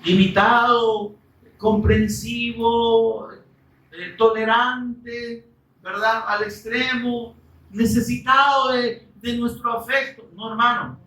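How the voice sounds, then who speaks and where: A preacher delivering a fervent sermon, firing rhetorical questions and breaking into shouts for emphasis. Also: medium pitch, flat delivery, slow, recorded from a distance. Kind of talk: Spanish-language sermon. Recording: roomy, from off-mic.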